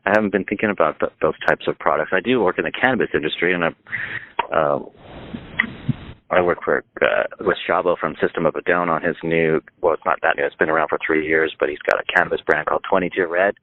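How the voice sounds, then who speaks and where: A man's voice: deep voice, quick pace, dry recording. A man in his fifties from Northern California, a guest musician chatting in a casual, rambling way, full of "like" and restarts. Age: 50s. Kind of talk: casual phone interview. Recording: tinny phone line.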